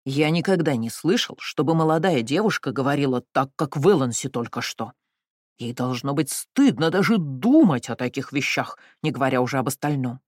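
A reader voicing a stout, furious old uncle who growls and wheezes his words out slowly in an audiobook. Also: medium pitch, animated, darkish tone, no echo, studio quality, lightly acted. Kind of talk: audiobook reading.

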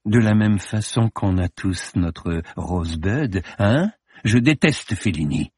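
A cold, mocking film director with a low, slightly husky voice, as a male reader puts him on. He talks down to people in clipped, cutting remarks, sneering even when he apologizes. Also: unhurried, no echo, studio quality. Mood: icy mocking. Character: cynical, scornful chain-smoking male film director.

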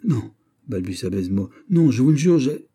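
A man's voice: lowish voice, normal speed, dark tone, slightly rough. A man voicing a flustered, fawning prison governor who stammers and tries hard to please, in a French audiobook reading.

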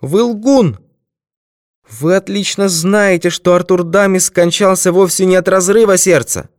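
A man reading an audiobook, voicing a young woman who cries out accusations in a shrill, raised voice. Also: moderate pace, darkish tone, clear, resonant tone, no room sound, studio quality, natural voice. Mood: accusing shrill. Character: young woman, frightened then defiant.

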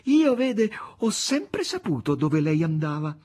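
A man voicing an eager young maid who has become a witch, pleading in a high, quick, husky voice. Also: big pitch swings, darkish tone, exaggerated voice. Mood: joyful.

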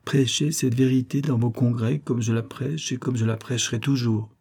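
A man's voice: mid-range voice, steady tone, normal speed, creaky, dark tone, slightly rough. A man reading the part of an old craftsman making an impassioned political speech in an audiobook. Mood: fervent.

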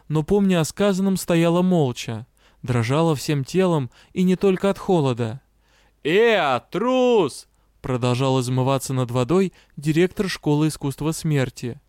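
Male audiobook reader, scripted narration, fairly high voice, dry close sound. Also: a little mellow, dry recording. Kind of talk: scripted first-person narration.

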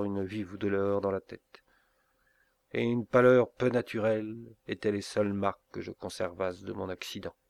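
Man narrating a classic novel, lowish voice, dry mic, no room sound. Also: gravelly, a little mellow, dry recording. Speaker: audiobook reader. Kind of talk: literary audiobook narration.

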